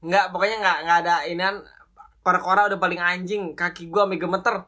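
Bright-voiced young guy telling stories. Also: high-pitched, quick pace. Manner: animated storytelling, slangy, swears a lot. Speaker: podcast co-host. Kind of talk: casual chat.

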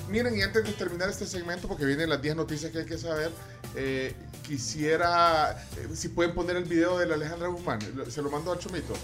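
Music plays clearly behind a Salvadoran man with a fairly high voice. He hosts a casual radio chat, rambling and doubling back on his words. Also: fairly quick. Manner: rambling, hesitant, repeats words. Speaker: radio show host.

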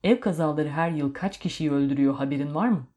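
A woman reading as a bossy hurried older man. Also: sits low, mellow, natural voice. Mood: lecturing. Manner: urgent, barking orders.

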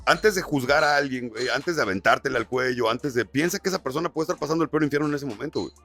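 A man's voice: mid-range voice, fast, a bit bright, faint music behind. A man who works as a radio announcer, telling stories in casual podcast chat full of slang. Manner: storytelling, peppered with slang.

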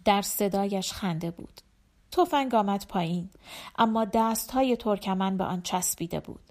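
A woman reading a short story aloud as an audiobook narrator, in measured scripted narration that slows on the refrains. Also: medium pitch, darkish tone.

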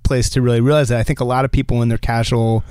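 Animated man hosting a podcast, dry studio sound. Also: mid-range voice, racing, smooth, no room sound. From New Jersey. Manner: animated, laughs often, restarts mid-sentence. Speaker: podcast host. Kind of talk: casual chat.

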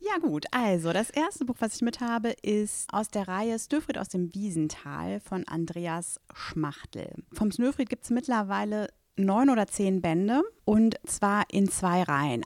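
A woman in casual chat, calmly explaining a children's book series. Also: medium pitch, no echo, studio quality. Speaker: book reviewer.

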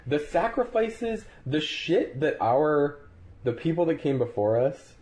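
A man's voice: fairly high pitch, very animated, unhurried, darkish tone, reverberant. A man co-hosting a podcast in casual comedic chat, goofy and laughing often. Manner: goofy, joking, laughs a lot. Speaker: podcast co-host.

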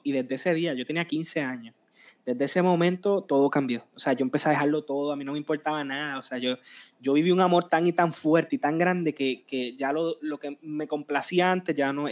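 A Puerto Rican man in his late twenties, a singer telling his story in a casual interview, animated and acting out quotes. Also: fairly high pitch, fast. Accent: Puerto Rican Spanish. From Puerto Rico. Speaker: guest singer.

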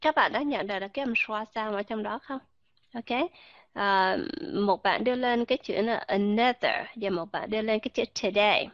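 A woman teaching a pronunciation lesson online, patiently repeating example words slowly to model the sounds. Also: medium pitch, no room sound, lo-fi sound.

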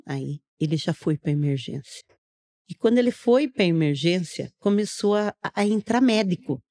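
A middle-aged Brazilian woman with a low-leaning, expressive, warm voice speaks at a normal speed as a podcast guest. She earnestly shares a personal testimony in a casual storytelling style, narrating step by step and acting out what others said.

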